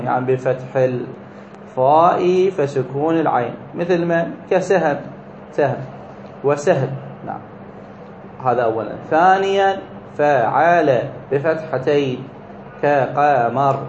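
Male teacher, somewhat high voice, methodical explainer, slightly muffled echoey room sound. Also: darkish tone, a little hiss or hum. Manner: explains step by step, asks and answers his own questions. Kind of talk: grammar lesson explaining a text.

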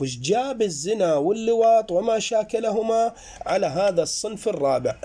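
A man lecturing on jurisprudence, his voice mellow and set a little high for a man. He explains and repeats points for his students and swings up and down in pitch as he teaches. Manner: explanatory, addresses students as brothers, rises and drops in pitch. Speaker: seminary teacher.

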